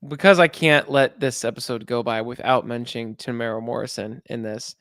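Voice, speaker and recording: Gravelly-voiced man hosting a podcast. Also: mid-range voice, steady tone, a little fast, a bit bright, no echo, studio quality. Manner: rambling, jokey, laughs often. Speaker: podcast host. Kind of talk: casual podcast chat.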